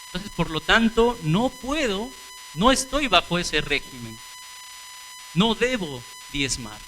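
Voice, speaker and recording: A man's voice: extremely high pitch, huge pitch swings, takes it slowly, fairly bright tone, a little hiss or hum, rough recording. A man preaching a sermon, asking rhetorical questions and answering them, calling the congregation brothers and sisters.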